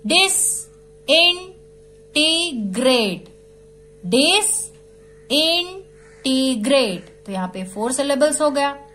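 A woman teacher with an Indian English accent explaining a textbook lesson to children, mixing Hindi with slowly read-out English and repeating each word. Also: a little high.

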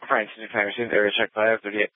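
A lowish, monotone male dispatcher rattles off calls at a quick clip, heard over a police radio. The transmission is tinny and bone dry, squeezed to a narrow phone-like band, and he sticks to terse, businesslike codes. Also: no room sound.

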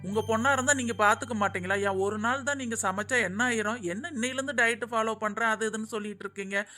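Voice actor playing a fast-talking pleading young husband. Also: medium pitch, pushed and bright, soft background music, lightly acted. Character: young husband and son, placating peacemaker. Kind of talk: cartoon voice acting.

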